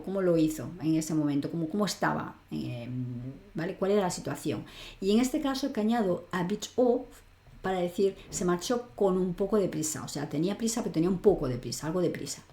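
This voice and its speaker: A woman teaching an online English lesson, patiently explaining and reading example sentences slowly. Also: lowish voice, creaky, a little mellow, echoey room.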